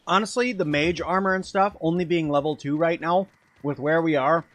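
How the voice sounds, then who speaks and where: Chatty male game streamer, higher voice. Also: normal speed, a bit bright. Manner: chatty, answers chat while playing. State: eating while talking at times. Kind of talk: casual live game commentary.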